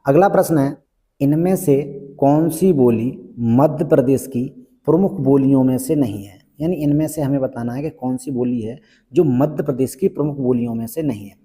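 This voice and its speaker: Man, exam prep teacher, repeats questions and answers, very dark tone, reverberant hall. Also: medium pitch, normal speed.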